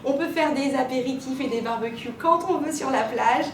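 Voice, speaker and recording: A woman, a maths teacher chatting in an interview and pausing often on "euh". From Martinique. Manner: chatty storyteller, many "euh" pauses. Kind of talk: casual interview answers. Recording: roomy, distant mic, rumbling noise.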